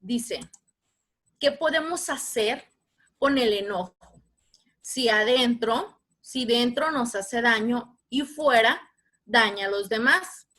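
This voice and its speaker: A woman's voice: on the high side, takes it slowly, sharp tone. A woman with a Mexican Spanish accent leading a live online workshop over a video call, talking patiently and putting questions to her audience. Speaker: workshop facilitator.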